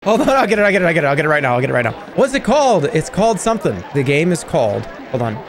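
Talking rapid-fire in a voice on the high side, a man in his thirties livestreams from home over background noise. His desk-mic chatter is casual, animated, rambling and heavy on swearing.

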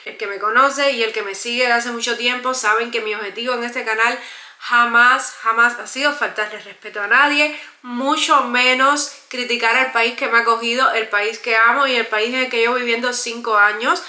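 A young Cuban woman speaks straight to her viewers in a casual vlog, earnest and emphatic, with a Cuban Spanish accent. Her voice sits fairly high and sounds very bright and sharp. The room around her adds a noticeable echo. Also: fairly even intonation, normal speed. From Cuba. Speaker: vlogger. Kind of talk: casual vlog talk to camera. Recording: echoey room.

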